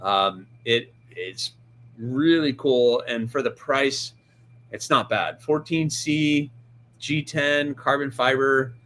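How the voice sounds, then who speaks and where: A man's voice: medium pitch, slow, fairly bright tone. A man hosting a live stream about pocket knives, chatting casually, greeting viewers by name and restarting sentences as he handles a knife. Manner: handles the knife while talking, restarts often.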